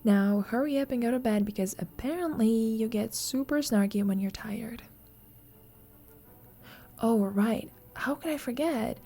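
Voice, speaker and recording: In an ASMR roleplay made as intimate sleep-aid audio, a woman plays a teasing, affectionate young roommate with a secret crush. She speaks softly and breathily, often whispering, with playful tenderness, in an unhurried, fairly high voice.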